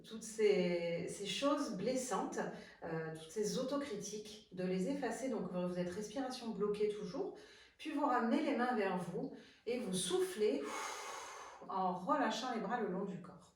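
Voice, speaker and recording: A woman's voice: medium pitch, expressive, unhurried. A woman sophrology coach giving a chatty, hesitant instructional talk to viewers. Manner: chatty and hesitant, many fillers and restarts. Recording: very echoey room, far from the mic.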